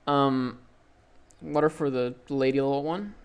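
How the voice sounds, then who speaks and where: A man's voice: medium pitch, fairly even intonation, a little slow, clean tone. A young man running a tabletop game as dungeon master, narrating with many fillers and restarts.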